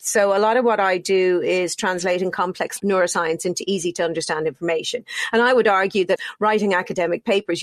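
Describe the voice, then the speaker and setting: A woman's voice: on the low side, no echo. Irish woman, middle aged or older, reflective chat, explains stuff with little stories, dry close sound. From Ireland. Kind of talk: reflective conversation.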